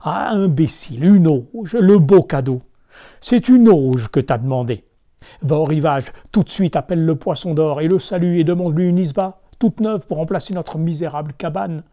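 A man voicing a greedy, scolding old peasant wife, berating loudly in a storybook reading. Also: lively intonation, normal speed, few pauses, close to an everyday voice. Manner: shrill, loud berating.

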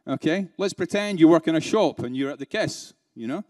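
A man's voice: on the high side, lively intonation, fairly quick, a little mellow. A man giving a keynote talk to a live conference audience, peppering them with rhetorical questions and playful asides. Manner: laughs between points, playful. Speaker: keynote speaker.

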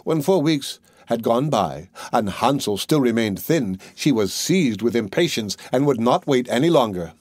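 A man's voice: medium pitch, lively intonation, moderate pace, hardly any pauses, darkish tone, no room sound. Man reading a fairy tale, dry sound. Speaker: audiobook narrator. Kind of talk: scripted storybook narration.

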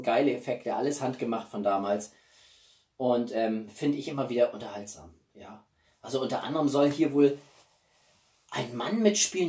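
Fairly high in pitch yet dark in tone, a man hosts his YouTube channel as a film reviewer. He talks to camera about his film collection in a casual, colloquial way, full of emphasis and strong opinions. The setting is a small room in his home, picked up by a distant microphone that sounds roomy.

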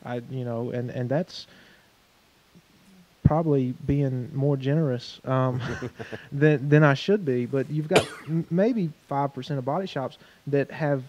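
A man talks on a panel in a dealership showroom, measured and explanatory, repeating words as he thinks. His voice is dark and mellow. The recording sounds a little dull. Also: medium pitch, slight background noise. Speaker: collision repair panelist. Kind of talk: panel discussion. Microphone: handheld mic.

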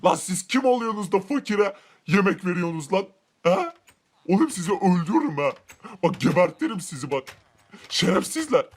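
A man playing an arrogant rich man in a Minecraft role-play, who boasts about his wealth, gloats, and shouts cruel threats. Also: high voice, very animated, fairly quick. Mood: furious threatening.

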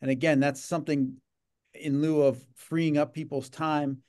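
In a relaxed video-call interview recorded on a webcam in his home office, a middle-aged man who heads a gaming association rambles along, repeating words and using many fillers. He has a fairly high, warm voice with a level tone and an unhurried pace.

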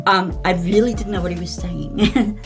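A woman's voice: on the low side, steady tone, normal speed, music in the background. An older woman with a grandmotherly old woman's voice, chatting casually and unscripted as she gives her reactions. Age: older, 60s or over. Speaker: reaction video co-host. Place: small indoor room, seated.

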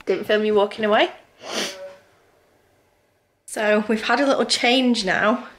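A woman's voice: medium pitch, fairly even intonation, a little slow. A young woman from the UK chatting casually at home, giggling often as she hosts a family quiz. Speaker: vlogger and quiz hostess. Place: home during lockdown.

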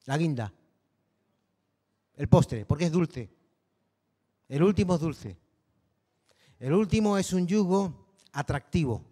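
A man with a Canary Islands accent preaching a sermon, his voice pitched high for a man. He talks to the congregation in a loose, conversational way, full of questions tossed back at them. The sound carries a long hall reverb. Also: animated, slow pace, pauses often, mellow. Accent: Canary Islands Spanish. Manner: conversational preaching, peppered with rhetorical tags. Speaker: pastor.

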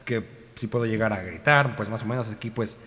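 A man's voice: lowish voice, fairly quick, a bit bright, in a large hall. A young man with a Mexican Spanish accent, an amateur voice actor rambling in a casual, self-correcting vlog chat on a cheap home microphone.

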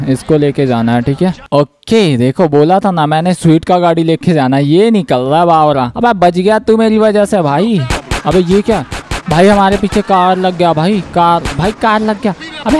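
A young man giving excited commentary over gameplay, shouting at the game and talking to viewers. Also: on the high side. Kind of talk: excited Let's Play commentary.

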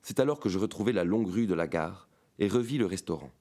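A man with a very deep voice reads a fantastic tale aloud. He narrates in a measured, dramatic way, as in an audiobook. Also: expressive, warm tone. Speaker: reader of a short story.

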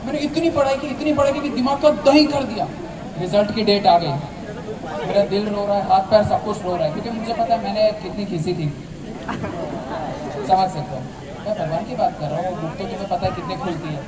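A man's voice: high-pitched, a little fast. Young man doing stand-up in a hall. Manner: animated storytelling, acting out family members. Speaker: stand-up comedian. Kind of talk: live stand-up comedy. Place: large tented college hall with a seated crowd. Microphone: handheld mic, filmed from far back in the audience. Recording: distant echoey hall with crowd noise. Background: audience laughter and chatter.

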